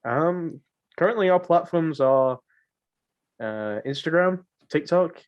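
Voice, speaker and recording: A young podcast co-host jokes and rambles through casual banter, leaning on slangy phrases he repeats often. His fairly high voice has lively intonation and a slow pace, and the recording's highs are cut off.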